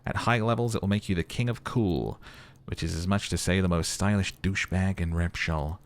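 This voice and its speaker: A man with a low, fairly quick voice hosts a video game playthrough, mixing casual muttered commentary with dramatic readings of the game's text. He thinks aloud as he plays, muttering and humming to himself.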